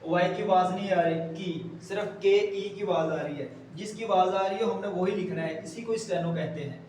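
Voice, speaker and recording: A man teaching a shorthand lesson, patiently explaining step by step and slowly repeating words as he writes them out. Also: sits high, a little mellow. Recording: roomy echo, distant mic, faint hiss.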